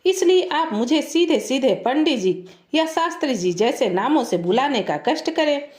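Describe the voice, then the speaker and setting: A woman storyteller puts on a self-important young groom who is proud like a foolish scholar, lecturing and scolding pedantically in a pompous mood. Her high, darkish voice swings widely with lively intonation at normal speed, heard in an echoey room.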